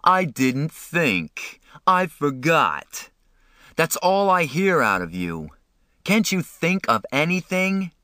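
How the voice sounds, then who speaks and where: A man reading an audiobook, voicing a harsh, exasperated older brother who scolds and shouts. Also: on the low side, lively intonation, slow, clear, resonant tone, dry recording, clean studio sound, full character voice. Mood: angry, exasperated.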